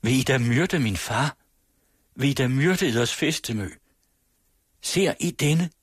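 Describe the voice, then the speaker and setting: A man's voice: lowish voice, husky, no room sound, studio quality. A man voicing a distraught young woman who pleads for her father in an old storybook tale. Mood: pleading.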